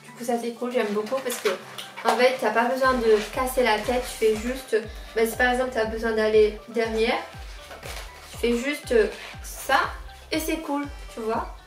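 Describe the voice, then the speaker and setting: A woman's voice: a little high, fairly even intonation, moderate pace. A woman in her twenties from La Réunion, casually showing off her school supplies in a vlog and repeating how much she likes each item. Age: 20s. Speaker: lifestyle vlogger. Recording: roomy sound, mic at a distance, faint background music.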